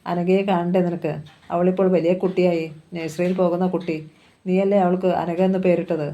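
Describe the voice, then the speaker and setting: A woman's voice: fairly low pitch, little pitch movement, normal speed, dark tone, lo-fi sound, lightly acted. A woman reading as a friendly young mother. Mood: coaxing.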